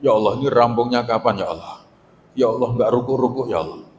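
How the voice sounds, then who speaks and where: A man's voice: brisk, darkish tone, slight background noise, natural voice. A man doing a groaning, weary worshipper. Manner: low sighing moans. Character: weary worshipper groaning through a long prayer. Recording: echoey mosque hall.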